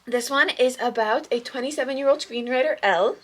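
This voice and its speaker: A woman vlogging at home about books, chatting casually in an excitable, gushing way with lots of fillers. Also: high-pitched, brisk, slight background noise. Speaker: book vlogger. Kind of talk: casual chat.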